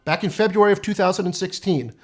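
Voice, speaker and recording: A man's voice: high-pitched, quick pace. A man in his fifties delivering a scripted comedic monologue, sardonic and profane, with punchy timing. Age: 50s. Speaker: comedic essayist.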